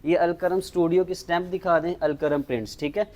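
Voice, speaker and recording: A man presenting shop stock in an informal sales pitch, with repetitive patter about prices and items. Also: fairly even intonation, fairly quick, darkish tone. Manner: repetitive selling patter, repeating prices and checking phrases. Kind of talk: informal sales pitch in a product showcase video.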